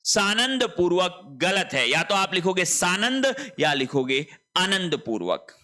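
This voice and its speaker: A man's voice: high-pitched, very animated, slow pace, pushed and bright. A male Hindi teacher giving an online spelling lesson, repeating each word and asking and answering his own questions.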